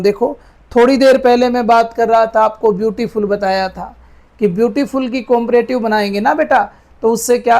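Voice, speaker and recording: With a very high-pitched, slightly mellow voice, a man leads an English grammar class. Checking questions come often as he calls students "beta" and works through each point step by step, repeating sentences slowly word by word.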